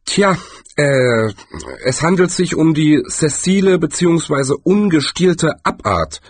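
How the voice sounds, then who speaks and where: A man's voice: fairly high pitch, lively intonation, takes it slowly, no room sound, pitched above the performer's own voice. A man voicing a nervous, bitter male wizard who bluffs his way through. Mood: nervous grumbling.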